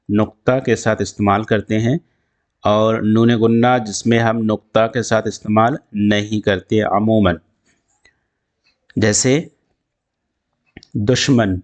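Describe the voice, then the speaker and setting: Guy with an indian urdu accent teaching grammar, kinda low voice, keeps repeating and restarting as he explains. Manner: slow, repetitive explaining with restarts. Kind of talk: grammar lesson.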